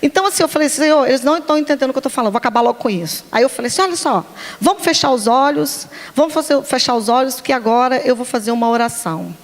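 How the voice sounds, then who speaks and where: A woman, a teacher, telling a lively testimony to a congregation and acting out the children's voices. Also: sits high, rapid-fire. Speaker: teacher giving a church testimony. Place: church hall. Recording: long hall reverb.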